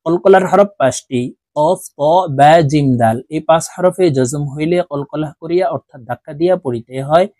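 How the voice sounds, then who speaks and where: A man teaching Quran letter reading, spelling out each syllable and then slowly drawing out the whole word. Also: on the high side, warm tone, dry recording. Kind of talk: slow spelled-out recitation lesson.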